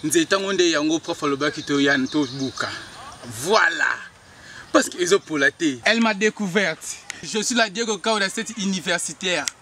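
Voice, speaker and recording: A man's voice: on the high side, moderate pace, natural voice. A man playing a boastful former university teacher, recorded outdoors. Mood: excited. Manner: excitable, boastful. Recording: loud outdoor background noise.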